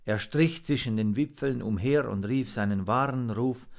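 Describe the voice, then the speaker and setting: A man narrating a storybook in an expressive, measured reading. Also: medium pitch, vocal fry.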